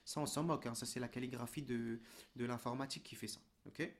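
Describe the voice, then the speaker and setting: A man teaching reading in a relaxed, informal way, checking in often and drawing out syllables. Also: mid-range voice. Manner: patient, informal, addresses the learner as tu with frequent "d'accord?" and "ok?"; drawn-out syllable demonstrations. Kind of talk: online lesson.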